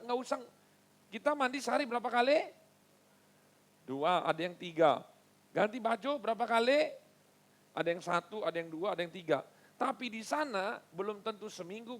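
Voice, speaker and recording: High, gravelly-voiced pastor preaching. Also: male voice. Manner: lively, mixes stern asides with playful teasing of the congregation. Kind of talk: sermon.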